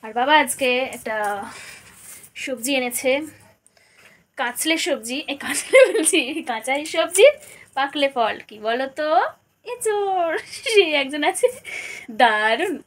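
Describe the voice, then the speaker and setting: Young woman vlogging her evening at home, high bright voice, throat a bit scratchy, rambly and chatty. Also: lively intonation, measured pace, long pauses. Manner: chatty, rambling and self-correcting. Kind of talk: casual home vlog narration.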